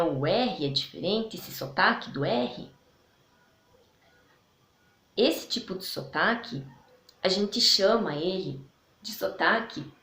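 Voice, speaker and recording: Slow, patient Brazilian woman teaching. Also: mid-range voice, reverberant. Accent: Brazilian Portuguese. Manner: slow, didactic, checks in with "né?" and "tá?". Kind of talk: recorded online class.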